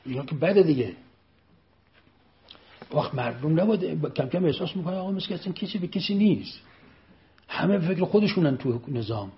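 A man's voice: on the high side, animated, pauses often. A man giving an emphatic political speech, repeating phrases and firing pointed rhetorical questions. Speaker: speaker addressing an audience. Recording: dull lo-fi recording.

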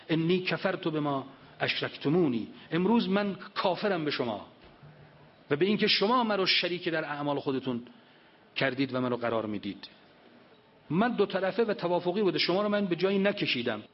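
A man's voice: a little high, expressive. A man giving a religious lecture, reciting scripture and explaining it in an emphatic manner. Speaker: preacher. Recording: dull lo-fi recording.

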